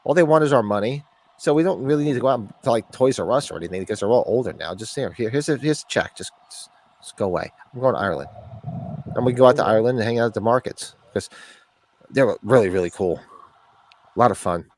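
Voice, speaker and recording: In a casual chat, a man in his forties rambles, swears and cracks jokes, his voice sniffly from allergies. He talks fast in a mid-range voice with lively intonation.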